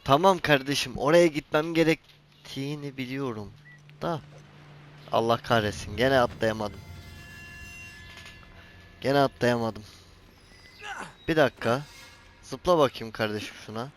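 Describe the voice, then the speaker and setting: Speaking at a measured pace with long pauses, this gaming channel host has a mid-range voice. In a casual let's-play he grows exasperated, scolding the character he plays and swearing at the camera after missed jumps.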